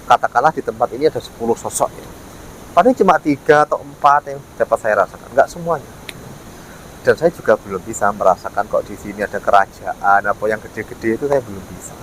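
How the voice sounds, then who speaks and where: A man's voice: on the low side, brisk, rough recording. A man talks casually to camera as a vlogger, explaining and repeating his points. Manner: explanatory, repeats himself, frequent tag words. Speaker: ghost-hunting vlogger. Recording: faint ambient and vehicle noise.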